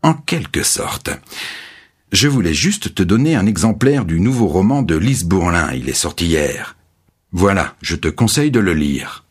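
A man's voice: sits low, sing-song, a little slow, slightly rough, exaggerated voice. A man reading the part of a conciliatory male editor in a spoken story, pleading and soothing.

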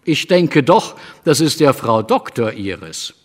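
A man reading a story aloud and voicing a young housemaid who speaks slowly and doubtfully. The recording has a long hall echo. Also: mid-range voice, sing-song, pitched above the performer's own voice.

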